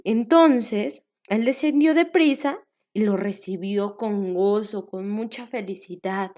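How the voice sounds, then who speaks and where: A young woman telling a Bible story to children as a teacher. She stretches out repeated words, keeps asking the children questions, and sometimes drops to a soft whisper. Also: mid-range voice. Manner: animated, drawn-out repetitions, asks the children questions.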